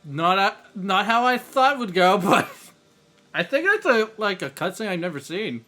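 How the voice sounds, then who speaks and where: A man's voice: high voice, sing-song, normal speed, pushed and bright. A man streaming a video game, making laid-back, casual comments, laughing often and swearing now and then. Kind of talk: gameplay commentary. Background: game music and voices.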